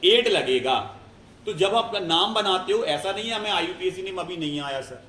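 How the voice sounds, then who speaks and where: A man's voice: high-pitched, animated, normal speed, pushed and bright, slight background noise. A male chemistry teacher giving a classroom lecture, explaining step by step and often checking whether students follow. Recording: echoey room, faint ambience.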